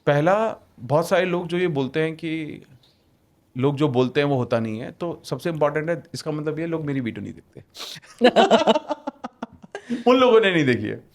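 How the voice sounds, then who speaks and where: A man's voice: on the high side, fairly quick. A man talking as a podcast guest in casual conversation, emphatic and repeating phrases for stress, often switching into English. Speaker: podcast guest, manifestation author.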